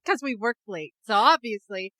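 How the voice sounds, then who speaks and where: A woman's voice: a little high, animated, moderate pace, sharp tone, no echo. A woman co-hosting a podcast, answering a spooky scenario with wry, joking pushback. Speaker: podcast co-host. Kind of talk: casual chat.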